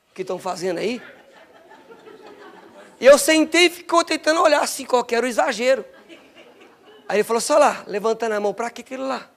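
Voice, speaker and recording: A Brazilian man preaching a fervent Pentecostal sermon, moving from quiet asides to rising shouts. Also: very high voice. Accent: Brazilian Portuguese. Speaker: pastor.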